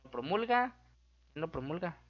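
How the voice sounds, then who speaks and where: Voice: mid-range voice, big pitch swings, moderate pace, highs cut off. Una voz con acento mexicano explica historia en tono relajado y juguetón, con efectos de sonido hechos con la boca y autocorrecciones constantes. La entonación sube y baja con mucha viveza. La grabación suena apagada y de baja calidad. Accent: Mexican Spanish. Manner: goofy and chatty, with sound effects and self-corrections. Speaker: YouTuber explaining history. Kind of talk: casual, playful history explainer.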